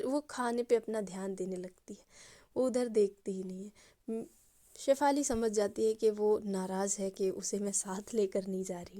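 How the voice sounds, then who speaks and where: A young woman telling a romance story in a casual, chatty way, speaking the characters' lines softly. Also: medium pitch. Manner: chatty, addresses listeners as bhai, acts out dialogue softly.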